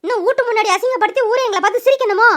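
A woman's voice: very high-pitched, rapid-fire. A woman voicing an old village mother-in-law in a cartoon, scolding and sarcastic. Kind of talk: cartoon voice acting.

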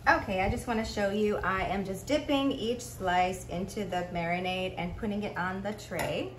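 A woman's voice: mid-range voice, moderate pace. Middle-aged woman, cooking vlog host, friendly chatter, echoey kitchen, faint hum. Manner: friendly, chatty, explaining as she cooks. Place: home kitchen, indoors. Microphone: camera mic, framed from a few feet away.

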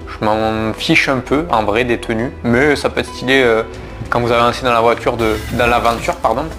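A man casually commenting on his gameplay for viewers, talking to them directly, with frequent fillers and restarts. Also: mid-range voice. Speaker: gaming YouTuber. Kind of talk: casual let's-play commentary.

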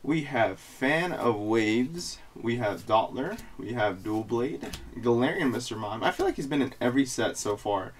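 A man's voice: medium pitch, expressive, a little slow. Bro-ish young man, noisy home recording. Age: young adult. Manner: bro-ish slangy hype, frat bro manner. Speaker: YouTube host opening trading card packs. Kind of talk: casual excited chat to camera. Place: small indoor room at home.

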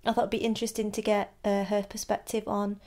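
A woman podcast host talks in a casual, informal way. Her voice sits at an ordinary pitch for a woman, and she chats along easily as if to regular listeners. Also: level tone, fast talker, a little mellow. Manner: chatty, informal.

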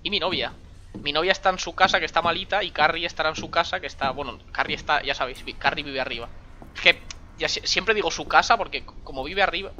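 A man's voice: on the high side, fast talker, bright, forceful tone, highs cut off. A young man from Spain giving sarcastic running commentary on a horror game, breaking into sudden screams. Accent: Spain Spanish. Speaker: gaming streamer.

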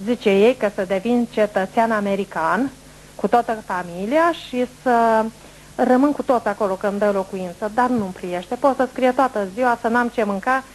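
A middle-aged woman, telling a long rambling story to a group in a room, in animated, folksy regional speech. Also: fairly high pitch, slight background noise, poor audio. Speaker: clairvoyant speaking to a group. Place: indoor meeting room, standing before a seated group.

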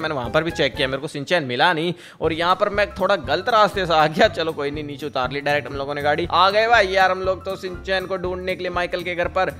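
A young man doing role-play commentary over his game, talking fast and emotionally to his viewers. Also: on the high side, pushed and bright. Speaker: gaming video creator.

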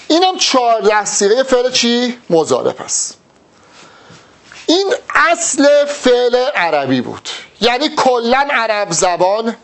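High, lively man teaching a lesson. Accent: Persian. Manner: drills verb forms, addressing the student directly. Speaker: Arabic teacher. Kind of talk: recorded exam-prep lesson.

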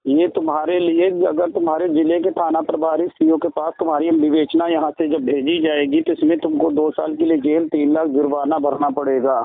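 Over a tinny, band-limited phone line, a man posing as a crime branch officer threatens and hectors the listener, bullying and intimidating as he goes. His voice is a little high and sing-song, fairly quick and creaky, with hardly any pauses, and the recording is dry.

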